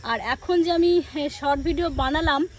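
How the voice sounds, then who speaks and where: A woman's voice: sits high, measured pace, a little hiss or hum. A woman, a sore throat and a cough, chatting casually to her viewers as she walks home outdoors in a village. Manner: chatty, speaks straight to viewers and acts out family dialogue. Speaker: village lifestyle vlogger. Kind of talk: casual chat to viewers while walking.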